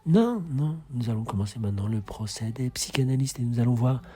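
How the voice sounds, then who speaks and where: A man's voice: mid-range voice, lively intonation, a little fast, warm tone, breathy edge. A man confronting his psychoanalyst, talking in a mocking, sarcastic way. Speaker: patient confronting his analyst. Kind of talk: tense archival confrontation.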